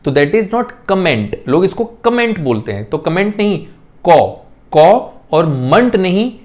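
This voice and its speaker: In an online lesson, a man with a high-pitched, sing-song voice teaches English pronunciation. He explains in Hindi mixed with English, saying example words slowly and repeating each one.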